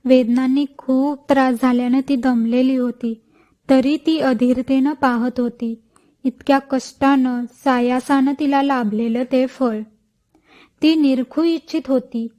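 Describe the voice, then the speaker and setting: A woman narrating an audiobook story in a measured storytelling manner. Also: sits high, dark tone. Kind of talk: scripted narration.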